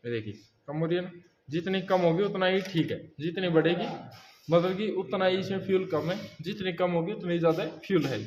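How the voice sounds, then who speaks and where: A man with a fairly high voice teaches auto repair hands-on, walking his students through each step and checking that they follow. The sound is roomy and echoey, and a crowd can be heard behind him. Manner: explains step by step, often checking with "ठीक है". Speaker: auto mechanic instructor. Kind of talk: hands-on workshop demonstration. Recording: echoey room with crowd noise.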